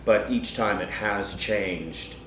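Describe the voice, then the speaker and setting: A man who ran a theater's training program, calmly explaining how students move up through it. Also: lowish voice, recorded from a distance, slight background noise. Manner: plain, explanatory, measured. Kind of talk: interview. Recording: echoey room from afar, faint music.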